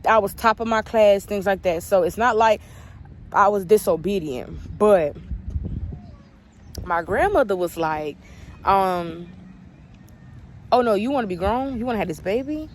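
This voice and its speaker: A woman's voice: mid-range voice, animated, unhurried, pauses often, slight background noise. Candid chatty young woman vlogger. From United States. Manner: candid, chatty, emphatic storytelling. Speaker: vlogger answering viewer questions. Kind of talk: casual story time Q&A.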